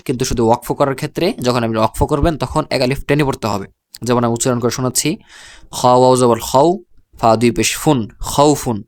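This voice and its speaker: A man with a Bangladeshi Bengali accent teaching Quran reading in an online lesson, spelling out letters and vowel marks and then sounding out each word, repeating every point slowly. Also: mid-range voice.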